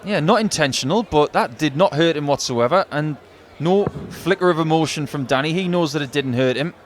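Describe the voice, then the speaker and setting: A man's voice: on the high side, fairly quick. Male darts co-commentator, crowd behind. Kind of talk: live sports commentary, analytical chat.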